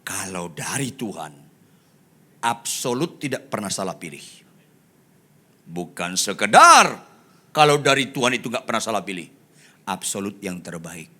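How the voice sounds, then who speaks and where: A male pastor in his sixties preaching a sermon, telling the story dramatically and acting out the characters, swinging between soft asides and loud shouts. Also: lowish voice, animated, normal speed.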